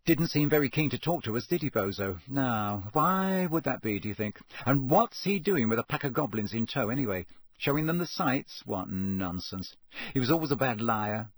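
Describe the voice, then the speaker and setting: A man's voice: mid-range voice, animated, dry recording. Rita Skeeter, a man doing a smug woman reporter. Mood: gloating. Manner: fast, gloating, condescending. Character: smug scheming woman journalist, sugary and cold.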